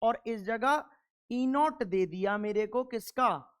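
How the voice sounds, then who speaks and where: A man's voice: extremely high pitch, slow pace, clean tone. A male chemistry teacher giving a classroom lecture. He works through problems, keeps asking questions and answering them himself, and drills his points sternly and emphatically through repetition.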